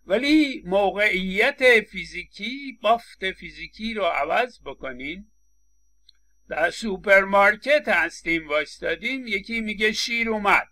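A man's voice: sits high, lively intonation, pushed and bright. A man giving a recorded lecture, explaining with examples, acting out short quotes and often stammering on restarts. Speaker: linguistics lecturer.

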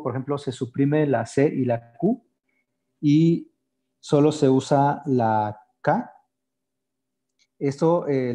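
A man from Yagavila in Mexico gives a patient language lesson, explaining letters and words slowly with frequent pauses and fillers. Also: medium pitch, warm tone. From Yagavila, Oaxaca, Mexico. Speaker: Zapotec language teacher.

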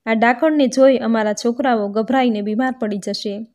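A woman voicing a scornful townsperson in a storybook tale, her voice a little lower and quieter. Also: steady tone, normal speed, lightly acted. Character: harsh townsfolk employer, scornful.

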